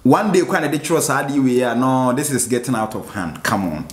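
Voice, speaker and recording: A man with a Ghanaian accent hosting a music reaction, excitable, breaking into exclamations and slowly repeating lines to explain them. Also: mid-range voice. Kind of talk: reaction commentary. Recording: roomy echo.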